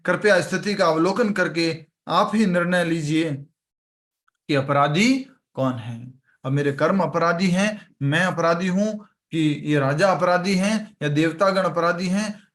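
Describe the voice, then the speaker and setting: A man's voice: a little high, fairly bright tone. A man teaching an online scripture class over a video call, telling a story and acting out the characters' lines.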